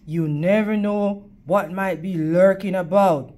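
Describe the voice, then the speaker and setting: A woman's voice: mid-range voice, steady tone, slow, dark tone, close to an everyday voice. A woman voicing a large male storybook wolf, sly and sweet-talking with polite, charming manners. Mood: sly, courteous.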